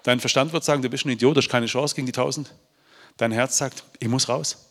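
A man telling a moving story to an audience, swinging between loud bursts and hushed, quiet passages. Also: medium pitch, fairly even intonation, fast talker. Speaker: speaker. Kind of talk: motivational storytelling talk. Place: large hall. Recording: hall reverb with faint music.

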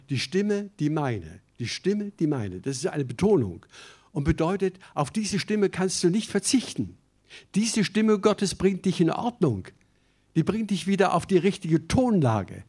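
A man's voice: fairly high pitch, darkish tone. A man preaching a sermon, addressing his congregation directly and mixing emphatic declarations with conversational asides. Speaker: pastor.

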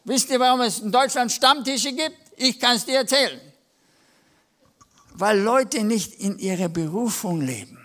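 A man's voice: very high voice, expressive, a little slow, fairly bright tone. A man preaching at a church service, telling everyday stories in a conversational way and acting out the voices of the people in them. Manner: storytelling, conversational, acts out quoted voices. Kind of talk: lively sermon with anecdotes.

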